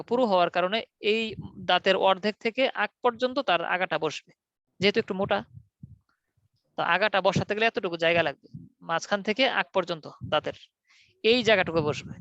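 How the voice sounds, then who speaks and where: A man's voice: sits high, fairly bright tone, no room sound, highs cut off. A man teaching Arabic letter pronunciation in an online class, patiently drilling students in call-and-response. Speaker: Quran recitation teacher.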